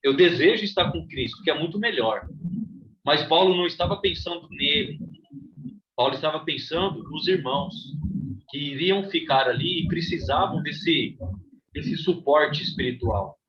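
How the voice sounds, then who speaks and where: A man's voice: on the high side, normal speed, muffled recording. A man with a Brazilian accent teaching a Bible study class, reading scripture aloud and explaining it, often checking in with "né?". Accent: Brazilian Portuguese. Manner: reads scripture aloud, then explains with frequent "né?".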